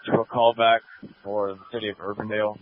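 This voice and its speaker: A male fire officer makes matter-of-fact radio calls. His voice is fairly low, squeezed through a narrow, tinny two-way radio. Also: little pitch movement, fast, no echo. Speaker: fire engine crew officer. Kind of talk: firefighter radio traffic.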